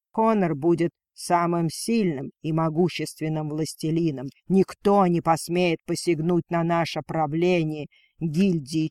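Man voicing a cruel dragon lord, slow and commanding. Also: a little high, darkish tone, no room sound, clean studio sound, close to an everyday voice. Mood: proud. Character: cold cruel male dragon lord, domineering.

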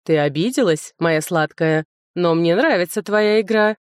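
A woman reading an audiobook and voicing a brash, amorous young man who is a dragon shifter, with a deep bass voice and a slow, pushy, teasing manner. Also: clean tone, no room sound, clean studio sound, lightly acted.

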